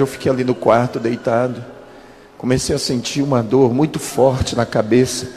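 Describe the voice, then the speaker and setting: A man in his thirties, a pastor, giving a dramatic testimony and slowing down for quoted speech. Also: medium pitch, a little mellow, slight background noise. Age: 30s. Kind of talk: testimony sermon. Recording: reverberant hall with music behind.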